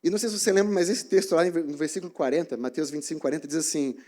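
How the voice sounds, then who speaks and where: A man preaching a sermon in a church, telling stories in an animated way. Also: on the high side, very fast. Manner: animated storytelling, acting out scenes.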